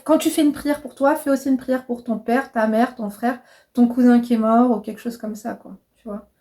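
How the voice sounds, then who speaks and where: A woman's voice: fairly high pitch, dark tone. A woman in her thirties chatting frankly to camera as a vlogger and coach, casual and direct, swearing freely. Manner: chatty, frank, swears casually, addresses viewers as "mes crèmes".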